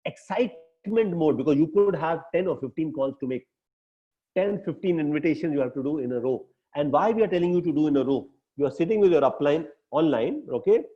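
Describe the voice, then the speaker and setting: A man's voice: fairly high pitch, expressive, brisk. Emphatic Indian English male coach. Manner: emphatic, repeats tag questions. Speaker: business coach. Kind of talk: coaching talk to a team. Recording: dull lo-fi recording.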